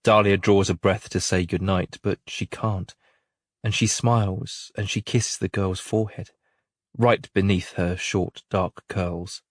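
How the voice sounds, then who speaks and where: A man calmly narrating a literary novel in a measured, gentle storytelling manner, close to the microphone. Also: deep voice, no room sound. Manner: calm, measured, gentle storytelling with soft drops in volume. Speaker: audiobook narrator.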